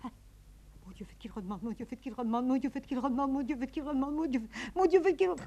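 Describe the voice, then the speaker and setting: An actress in a 1950s radio drama, playing a desperate woman pleading with her departing lover on the telephone, trembling and swinging from hushed to frantic. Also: on the low side, steady tone, slow, slight background noise.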